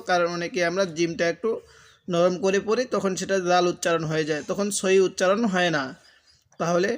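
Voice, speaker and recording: High-voiced man teaching slow recitation. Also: a bit bright. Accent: Bangladeshi Bengali. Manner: slow, drawn-out chanting of syllables between plain explanations. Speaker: Quran reading teacher. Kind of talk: spelling-out recitation lesson.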